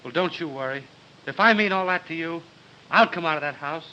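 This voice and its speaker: An actor playing a breezy, confident young man with a brisk, reassuring delivery on an early talkie film soundtrack. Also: fairly high pitch, bright, forceful tone, lo-fi sound, a little hiss or hum. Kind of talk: 1930s film acting.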